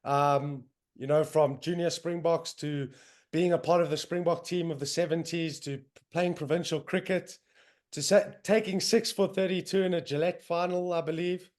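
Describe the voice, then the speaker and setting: This podcast host is a young man with a South African accent, on a video call from his home in northern England. His voice runs high and a little mellow, with fairly even intonation and a moderate pace, as he chats loosely and eagerly, using lots of fillers.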